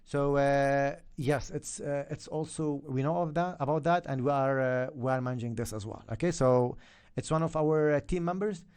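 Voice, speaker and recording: A trading coach whose first language is Arabic teaches an energetic live-stream lesson, checking in with viewers by repeating "okay?" and "yeah?" as he goes. His medium-pitched voice is clear and resonant, at a moderate pace.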